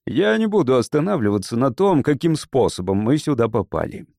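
A man's voice: medium pitch, big pitch swings, vocal fry, a little mellow, dry recording, studio quality. A man playing a determined English politician. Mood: persuasive. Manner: measured, persuasive speechmaking.

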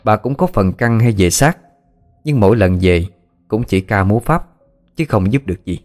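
A man telling a ghost story in a calm, even narration. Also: on the low side.

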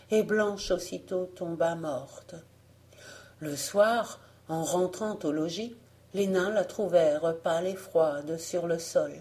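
A woman narrating a fairy tale audiobook. Her delivery is slow and deliberate, and her tone is dark and mellow. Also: fairly low pitch. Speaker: audiobook reader.

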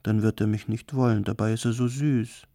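A man's voice: lowish voice, steady tone, fairly quick, warm tone, dry recording, studio quality, lightly acted. A man voicing a sulky young servant woman who whispers, in a storybook reading. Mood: whispering.

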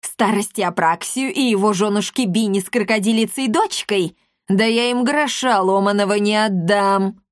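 A woman voicing a loud, hot-tempered female commandant who shouts and coos by turns. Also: medium pitch, expressive, a little slow, few pauses, dry recording, clean studio sound, close to an everyday voice. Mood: angry, outraged. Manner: shouting, then cooing sweetly.

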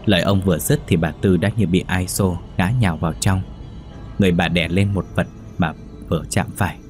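A man narrating a ghost story in a measured, dramatic reading. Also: deep voice, steady tone, soft background music.

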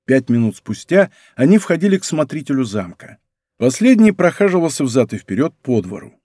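A man narrating a historical novel as an audiobook, telling the story in a measured, even way from a studio. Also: mid-range voice, dry recording. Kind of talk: scripted narration. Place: recording studio.

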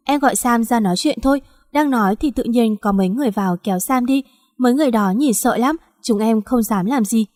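A woman's voice: fairly high pitch, brisk, a little mellow, in a large hall, lightly acted. Woman reading as a tearful schoolgirl. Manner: pleading, sobbing. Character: teenage schoolgirl bully, now tearful.

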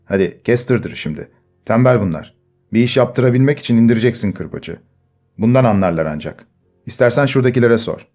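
A man's voice: mid-range voice, lively intonation, fairly quick, a little mellow, faint music behind. A man voicing a harsh, bossy young man in a storybook reading. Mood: scornful. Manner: scornful and bossy.

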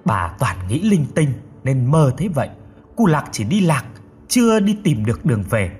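A man as a gruff, scolding old grandfather. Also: mid-range voice, very animated, normal speed, darkish tone, a little hiss or hum, lightly acted. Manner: curt, scolding.

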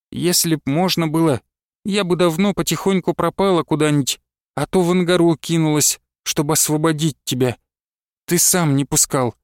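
A man's voice: high-pitched, no echo, studio quality, close to an everyday voice. A man reading aloud and voicing a young village wife who pleads and cries out in anguish. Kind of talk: audiobook character reading.

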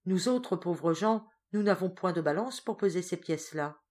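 A woman voicing a greedy, scolding older peasant woman in a storybook reading, with a shrill, grumbling and wheedling manner. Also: lively intonation, moderate pace, a little mellow, natural voice.

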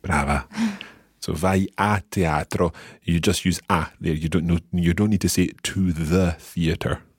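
A man hosting a language lesson, encouraging his student and gently coaxing her through each answer. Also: deep voice, fairly even intonation, a little slow, breathy edge, no echo, studio quality. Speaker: Italian teacher hosting lesson.

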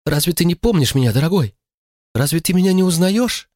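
A man voicing an older mother who wails and pleads, his voice lifted high above his own in an audiobook reading. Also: animated, fairly quick, a little mellow, no room sound, clean studio sound, lightly acted. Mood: wailing. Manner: wailing, pleading. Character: older mother, sobbing and desperate.

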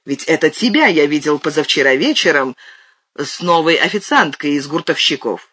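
A man's voice: a little high, animated, normal speed, sharp tone, slightly rough, no echo, exaggerated voice. A man reading aloud and voicing an irritable older brother, a vet who barks and lectures. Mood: scolding. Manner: scolding, barking.

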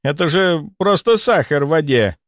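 A man's voice: on the high side, lively intonation, moderate pace, no room sound, studio quality, pitched above the performer's own voice, close to an everyday voice. A man reading aloud, voicing an arrogant, flustered male doctor who snaps in outbursts. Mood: baffled.

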